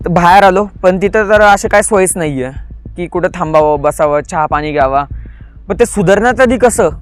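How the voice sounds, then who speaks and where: High-voiced man telling a tense story. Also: moderate pace, clear, resonant tone, soft background music. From Pune area, India. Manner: vivid retelling, acting out quoted dialogue. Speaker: podcast guest. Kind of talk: storytelling in an interview.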